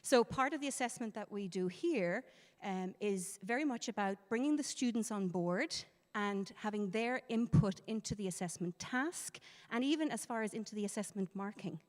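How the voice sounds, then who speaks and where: A woman with an Irish accent, a teacher giving a lively, chatty presentation to parents in a school hall and laughing easily. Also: mid-range voice, normal speed, few pauses. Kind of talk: interactive presentation. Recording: reverberant hall.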